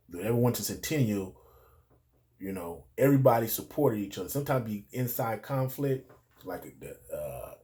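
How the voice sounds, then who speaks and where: Reminiscing about growing up, this middle-aged American storyteller wanders off on tangents before looping back, peppering his speech with street slang. The telling is loose and unrehearsed, in a fairly low, somewhat mellow voice.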